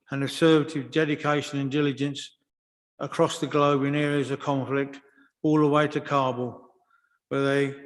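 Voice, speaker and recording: An older man, a councillor, telling an anecdote in a council meeting, wry and unhurried with fillers and restarts. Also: a little high. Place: council chamber. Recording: long reverb of a large chamber.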